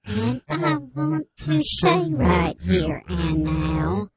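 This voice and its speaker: A man playing a grave, anonymous male whistleblower on a radio comedy bit, his voice electronically disguised, giving slow, solemn deadpan testimony. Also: high-pitched, breathy edge, no echo, clean studio sound, exaggerated voice. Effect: disguised voice, electronically altered. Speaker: anonymous informant caller.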